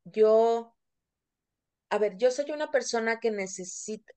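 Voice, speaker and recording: A woman's voice: fairly high pitch, measured pace, a little mellow, clear, resonant tone. A middle-aged Mexican woman co-hosting a podcast, talking candidly and casually with plenty of fillers. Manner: candid, confessional, many fillers. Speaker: podcast co-host.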